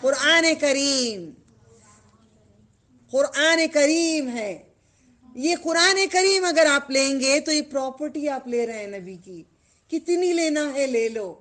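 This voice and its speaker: A woman's voice: sits high, lively intonation, fairly bright tone. A woman giving a religious lesson to children, questioning the class and drawing out repeated phrases. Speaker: religious teacher.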